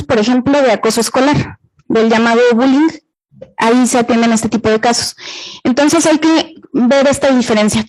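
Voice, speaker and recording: A woman's voice: sits high, a little mellow, rough recording. A middle-aged woman with a Mexican accent giving an interactive talk to students, explaining step by step and putting questions to the audience. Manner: explanatory, asks the audience questions and repeats their answers. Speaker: university gender violence workshop speaker.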